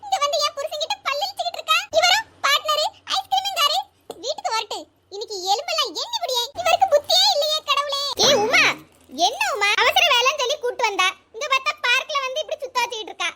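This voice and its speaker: Squeaky village woman. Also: fast talker. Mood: jealous rant. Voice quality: squeaky, chipmunk-like high voice. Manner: bickering, teasing comic banter. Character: young Tamil village woman, squeaky and quick-tempered. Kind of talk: village comedy sketch. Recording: hissy background noise.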